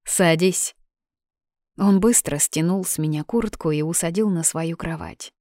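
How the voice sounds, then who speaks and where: Low-voiced woman narrating an audiobook. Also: normal speed, dark tone, no room sound, clean studio sound. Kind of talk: first-person audiobook narration.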